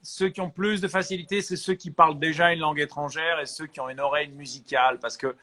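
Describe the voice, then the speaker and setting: A man from France, an actor, chatting as an interview guest and giving lively advice. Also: on the high side, fast. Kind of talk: casual interview chat.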